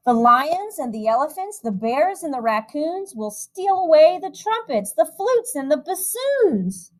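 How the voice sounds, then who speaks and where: A woman music teacher with a high voice reads a picture book aloud to young children at a measured pace. She's expressive and animated, adding chatty asides.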